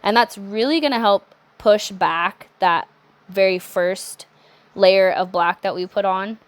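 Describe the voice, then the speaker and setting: A young adult woman talking through a nail art tutorial in a chatty, relaxed way, with self-correcting asides. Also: mid-range voice, takes it slowly, no room sound. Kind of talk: casual step-by-step tutorial narration.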